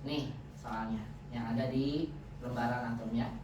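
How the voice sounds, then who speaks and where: A man's voice: mid-range voice, fairly even intonation, unhurried, background noise. A man teaching Arabic grammar in a classroom, quizzing his students with frequent questions. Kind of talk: classroom lesson. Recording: echoey room, distant dull mic.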